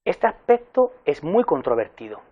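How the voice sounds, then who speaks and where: A man giving a recorded university lecture in an explanatory way, pausing with fillers and correcting himself as he goes. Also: a little high, big pitch swings, husky, phone-quality sound.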